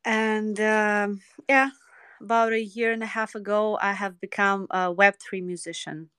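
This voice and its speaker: A woman speaks slowly and hesitantly, filling gaps with soft ums. Her voice is bright and smooth, and the sound is dry and close. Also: mid-range voice, level tone, dry recording. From Russia. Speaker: guest, musician. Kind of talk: casual self-introduction.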